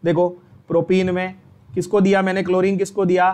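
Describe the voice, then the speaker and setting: A man teaching a chemistry exam-prep lecture, drilling students with repeated questions in an energetic, coaxing way. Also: high-pitched, brisk.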